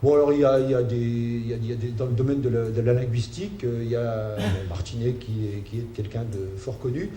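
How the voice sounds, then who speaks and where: Halting male lecturer in a roomy hall. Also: mid-range voice, steady tone, dark tone. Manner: halting, many fillers and restarts. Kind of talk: hesitant spoken lecture. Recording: roomy hall sound with faint ambient noise.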